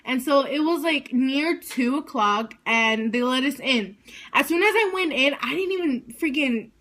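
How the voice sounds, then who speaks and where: A woman telling a story to her vlog audience, excitable and rambling, saying "like" constantly. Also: sits high, moderate pace. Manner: excited, rambling, heavy use of "like". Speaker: vlogger.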